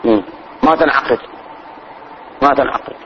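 A man, teaching religious law as a sheikh. He explains slowly, repeats phrases and demonstrates pronunciation. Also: mid-range voice, dull audio, slight background noise. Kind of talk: religious lesson.

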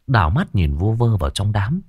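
A man's voice: fairly low pitch, very animated, normal speed, husky, dry recording, lo-fi sound. A man narrating a ghost story in a crude, colloquial way.

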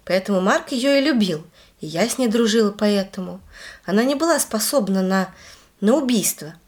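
A woman tells her child a first-person story in an emphatic, lively way. Her voice sits in a middle register, and she moves easily between calm narration and forceful moments. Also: mid-range voice, moderate pace.

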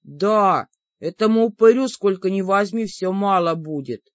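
A woman voicing a gruff, grumbling male demon in an audiobook. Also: medium pitch, unhurried, no echo, lightly acted. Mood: scolding. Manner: grumbling, reluctant. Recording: dull lo-fi dry recording.

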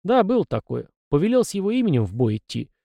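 A man's voice: sits high, big pitch swings, fast, creaky, warm tone, no room sound, pitched above the performer's own voice, exaggerated voice. A man voicing a brash young soldier. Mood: confiding.

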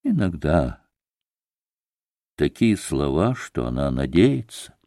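A man's voice: very deep voice, big pitch swings, takes it slowly, dark tone, no echo, clean studio sound, voice pushed down, exaggerated voice. A man reading an audiobook, voicing an irritable, feverish young man who speaks curtly and sardonically. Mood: bitter. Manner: curt and sardonic.

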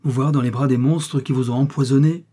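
A man's voice: mid-range voice, steady tone, fairly quick, mellow, husky, close to an everyday voice. A man voicing a suspicious, indignant lady's companion with an accusing tone.

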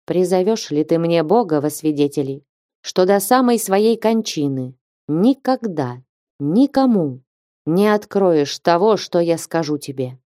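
A woman's voice: on the low side, animated, dark tone, no echo, clean studio sound. A woman voicing a grave old abbess. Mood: urgent. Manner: slow, grave, measured speech. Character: stern but loving elderly abbess. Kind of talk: audiobook character reading.

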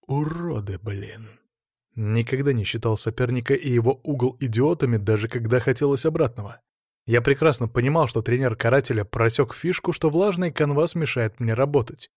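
A man reading a first-person audiobook in a tense, measured storytelling manner. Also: medium pitch, darkish tone, no echo, clean studio sound. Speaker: audiobook narrator.

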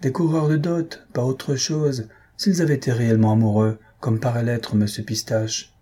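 A husky-voiced man reading aloud, voicing an eager, impulsive young woman in a storybook. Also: medium pitch, little pitch movement, moderate pace, dark tone, natural voice. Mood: hopeful.

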